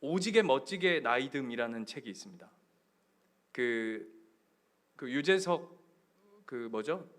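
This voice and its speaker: A male pastor preaching a sermon, telling stories and acting out quotes, building up to loud passages. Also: medium pitch, expressive, measured pace, pauses often. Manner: storytelling, acting out quotes, rising to shouts.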